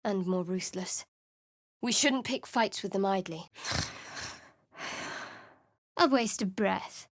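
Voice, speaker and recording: Shadowheart, a sardonic cleric. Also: female voice, mid-range voice, slow, pauses often, dry recording. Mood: dry. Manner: dry, cool and sardonic. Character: guarded, sardonic young female cleric. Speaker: game character voice actor. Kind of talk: video game voice lines. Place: dry recording booth. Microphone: close studio microphone.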